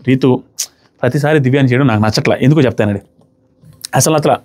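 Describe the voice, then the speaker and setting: A man's voice: medium pitch, darkish tone. A man giving an emphatic, indignant review of a reality show. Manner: emphatic, indignant, rapid-fire ranting. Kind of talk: opinionated review commentary.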